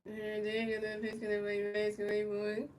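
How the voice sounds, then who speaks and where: Mid-range, monotone and a little mellow, an American woman rattles quickly through casual baseball video game commentary, repeating herself, fumbling calls and talking to chat. The mic is distant, with faint background noise.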